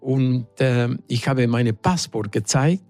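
A middle-aged man from Argentina with an Argentine Spanish accent, speaking German as a second language in a radio interview, halting and searching for words. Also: medium pitch, a little mellow, no echo. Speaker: singer, studio guest.

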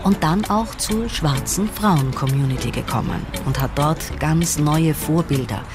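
A woman reporter reading a scripted news feature narration in a composed, even way. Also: low-pitched, a little slow, noisy background. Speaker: radio reporter.

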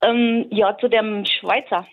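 A woman calling in to a radio show, calm and easygoing, often restarting her sentences. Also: medium pitch, slow pace. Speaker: caller. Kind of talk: casual phone-in chat. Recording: tinny phone line.

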